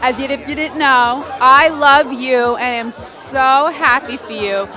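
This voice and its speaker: High-voiced woman gushing wedding wishes. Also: a little slow, sharp tone. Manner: gushing, emotional. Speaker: bride's cousin. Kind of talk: emotional wedding message. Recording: music and crowd behind.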